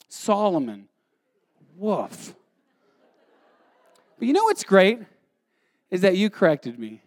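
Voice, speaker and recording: A man preaching a sermon, telling the story with animated energy and acting out the voices, swinging from loud to hushed. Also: high voice, slow. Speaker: pastor.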